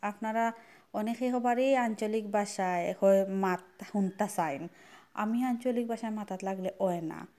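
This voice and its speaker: A young woman vlogger with a Sylheti accent talks casually to her viewers. She drifts between regional dialect and standard speech, and her telling is soft and reflective. Her pitch sits at a middling level. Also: a little slow. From Sylhet, Bangladesh. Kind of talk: casual chat to camera.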